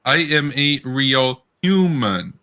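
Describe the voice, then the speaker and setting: A man voicing a robotic NPC who insists he is a real human, in a slow, stilted, mechanical way. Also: mid-range voice, sing-song, sharp tone, exaggerated voice. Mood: stiff.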